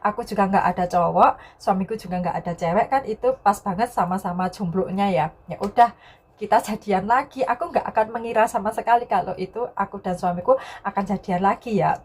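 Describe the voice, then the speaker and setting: A young Indonesian woman talks fairly quickly at a medium pitch, telling viewers a personal story in a casual vlog. Repetition is common, and a soft filler word often caps her sentences.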